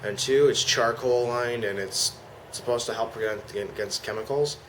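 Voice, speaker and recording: A man's voice: mid-range voice, moderate pace. A man giving a casual, slangy product demonstration as an amateur reviewer. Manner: informal, slangy. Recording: clear background noise.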